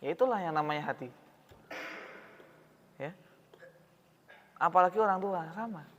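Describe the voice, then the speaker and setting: A man's voice: high-pitched, normal speed, a bit bright, slight background noise. A man preaching a sermon in a mosque hall, talking in a conversational way and asking his audience questions. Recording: reverberant hall, dull sound.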